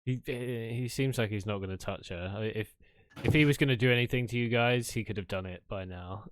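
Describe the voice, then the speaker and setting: A man's voice: on the low side, brisk, smooth, no room sound. A man chatting casually as he takes part in a tabletop role-playing game.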